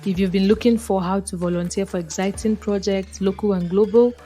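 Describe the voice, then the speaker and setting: A woman's voice: medium pitch, steady tone, brisk, dark tone, soft background music. Woman hosting a podcast interview. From Africa. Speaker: podcast host.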